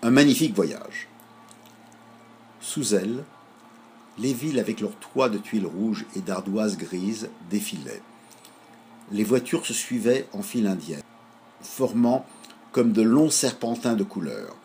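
A man reading a children's story aloud with a husky voice, in an animated, expressive way. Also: lowish voice, a little slow, pauses often, slight background noise.

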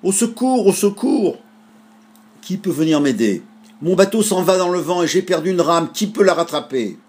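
A man voicing a small frightened boy in a storybook, with a husky voice, crying out and pleading. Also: sits high, animated, normal speed, darkish tone, voice pushed up.

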